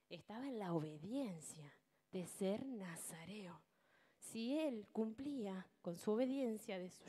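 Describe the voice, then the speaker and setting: A woman's voice: on the high side, darkish tone, long reverb tail. A woman with an Argentine accent preaching a sermon in a church, telling a story and often asking her listeners rhetorical questions. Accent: Argentine Spanish.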